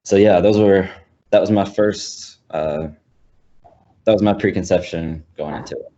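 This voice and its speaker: A man's voice: sits low, takes it slowly, pauses often, mellow, dull audio. A young man in casual film discussion, talking hesitantly with many fillers and restarts. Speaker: college student panelist.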